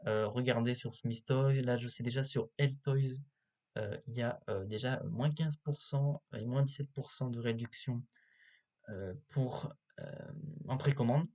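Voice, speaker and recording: A man giving casual, unscripted video commentary as a host, halting often with filler sounds, recorded on a cheap built-in laptop microphone. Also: medium pitch, fairly even intonation, dark tone. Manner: hesitant, halting delivery with many filler pauses. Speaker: YouTube host reviewing toy sets.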